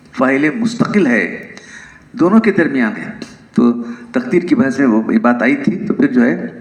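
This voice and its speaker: A man's voice: medium pitch, roomy sound, poor audio. A man giving a religious lecture, explaining points with rhetorical questions and the odd amused laugh. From South Asia. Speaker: religious teacher.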